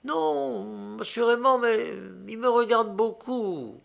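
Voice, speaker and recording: A man's voice: very high voice, lively intonation, takes it slowly, creaky, a bit bright, dull audio, pitched above the performer's own voice, full character voice. A man reading an audiobook aloud, voicing a timid young woman who speaks faintly and hesitantly. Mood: shy.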